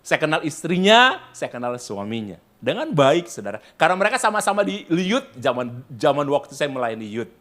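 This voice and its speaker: Male pastor in his fifties, animated storytelling sermon, slightly higher voice with a wide pitch range. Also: fairly quick, hardly any pauses. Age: 50s. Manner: lively storytelling, acting out quoted voices.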